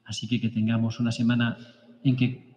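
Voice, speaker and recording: A man's voice: medium pitch, completely flat delivery, a little mellow. Guy reading out a saints story to his group, stops and restarts a bit, roomy dull lo-fi sound. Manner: reads aloud with halting restarts. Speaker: preacher. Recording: echoey hall, dull lo-fi sound.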